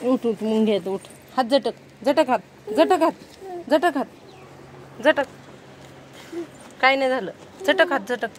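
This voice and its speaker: A woman's voice: sits high, unhurried, pauses often, a little hiss or hum. A woman vlogging about her family day, coaxing and scolding her small children. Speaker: vlogger and mother. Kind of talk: casual family vlog.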